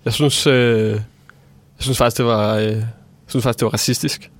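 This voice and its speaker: Male panelist, halting yet insistent debater, mid pitch, dry studio. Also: steady tone, no room sound. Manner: hesitant but insistent, repeats his point. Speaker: radio panelist.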